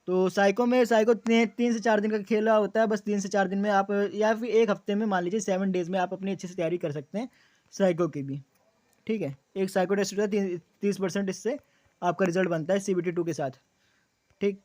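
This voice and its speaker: A man's voice: high voice, fairly even intonation, fairly quick, a little mellow, no room sound. A young man explaining exam details to students, repeating key points as questions and answers, with frequent fillers. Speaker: exam coaching YouTuber.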